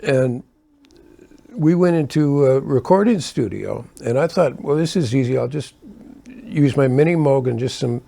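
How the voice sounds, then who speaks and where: An older keyboard player's creaky, dark, mid-range voice carries his touring tales, expressive and a little slow. He rambles casually, correcting himself often and chuckling between asides.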